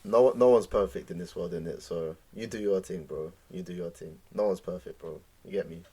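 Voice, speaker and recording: A man's voice: deep voice, fairly quick, warm tone, husky. A man with a London accent hosting a podcast in casual, slangy conversational banter. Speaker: podcast host.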